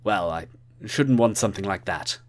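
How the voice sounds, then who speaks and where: A man's voice: lowish voice, lively intonation, moderate pace, close to an everyday voice. A man voicing a cocky young male spy who speaks in polite, genteel phrases. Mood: wry, polite.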